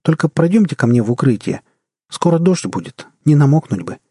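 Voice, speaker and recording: A man's voice: a little high, very animated, brisk, warm tone, husky, dry recording, studio quality, pitched above the performer's own voice. A man voicing an eleven-year-old boy trapped in an old man's body, speaking in a raised, eager, friendly voice in an audiobook. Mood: urging.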